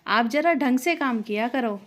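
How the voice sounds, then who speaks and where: A woman's voice: fairly high pitch, expressive, moderate pace, natural voice. A woman voicing an arrogant young sister-in-law who scolds and taunts. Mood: scolding. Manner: bossy, taunting.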